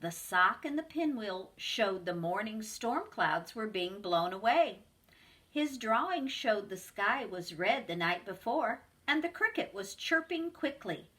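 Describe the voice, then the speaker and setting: A preschool teacher, a woman with a mid-range voice, reads a picture book aloud to children. She tells the story slowly and expressively.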